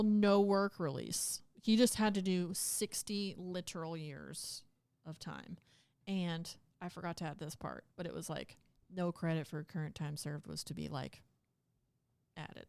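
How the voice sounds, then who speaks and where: A woman's voice: on the low side, darkish tone, clean tone, dry recording. A woman co-hosting a podcast, chatting casually and retelling a legal case in plain words. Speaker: podcast co-host. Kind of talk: casual chat.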